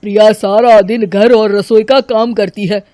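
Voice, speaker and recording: A woman's voice: medium pitch, fairly even intonation, unhurried, warm tone, dry recording, clean studio sound, natural voice. A woman voicing an earnest young husband and protective son in a cartoon family story. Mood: complaining. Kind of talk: animated Hindi family story dramatization.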